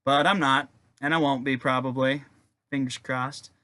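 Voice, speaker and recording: A young adult man talks off the cuff in a laid-back, rambling rant, full of fillers and casual swearing. His voice is bright and forceful. The sound is dry, with no room echo. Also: medium pitch, steady tone, normal speed. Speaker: wargaming video maker.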